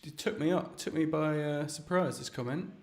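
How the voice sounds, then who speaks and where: A young man hosts a video chat in a casual, chatty way, his slightly high, darkish voice moving at a normal pace. He's hesitant and rambling, restarting his sentences again and again.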